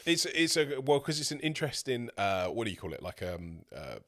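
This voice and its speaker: A man's voice: mid-range voice, a little fast. Easygoing man chatting on a film podcast. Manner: relaxed, laughs easily, searches for words. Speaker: podcast co-host. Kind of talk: casual film podcast chat.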